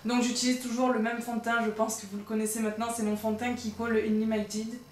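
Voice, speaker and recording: Speaking fast in a fairly high, flat voice, a young woman walks viewers through a casual makeup tutorial. Her vlogger style is chatty, full of "donc" and little self-mocking asides. There's a roomy quality to the sound and a faint hum of background noise.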